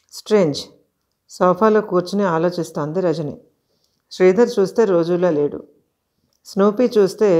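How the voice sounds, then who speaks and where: A woman narrating a horror audio story, in a calm, measured reading voice with short pauses. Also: lowish voice.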